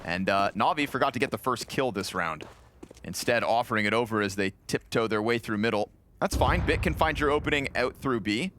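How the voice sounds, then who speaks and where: A man's voice: mid-range voice, expressive, background noise. Joking male esports caster. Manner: joking, quick banter between calls. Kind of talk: play-by-play commentary.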